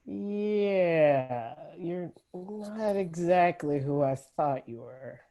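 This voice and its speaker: Woman reading as a chill young guy, low mellow voice, slow and deadpan but swooping all over the place, zoom read-through. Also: heavily acted. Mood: intrigued. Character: laid-back young man shopper, offhand. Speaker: play reader. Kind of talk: informal play read-through. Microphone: video call.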